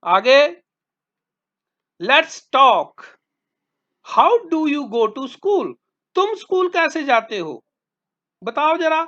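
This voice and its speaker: Woman teacher, slightly high voice, very slow and patient, spells words aloud; dull lo-fi recording. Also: sing-song, fairly bright tone. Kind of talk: slow classroom explanation of English words.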